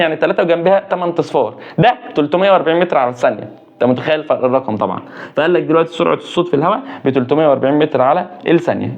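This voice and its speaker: An Egyptian man runs a science exam review at breakneck speed and repeats each key phrase several times to drill it in. His voice sits a little high for a man. The recording sounds dull and lo-fi. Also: darkish tone. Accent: Egyptian Arabic. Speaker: science teacher. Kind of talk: fast exam review lesson.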